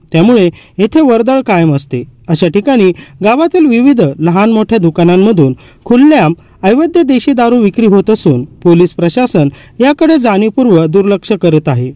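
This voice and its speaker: A man reading a news report as a voice-over in a measured, formal delivery. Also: high-pitched, dark tone, no echo.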